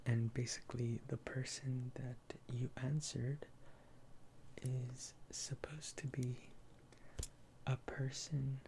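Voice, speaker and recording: Slow, creaky ASMR role-play as a therapist, sex ambiguous. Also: mid-range voice, a little hiss or hum. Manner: gentle therapist manner, explaining and reassuring.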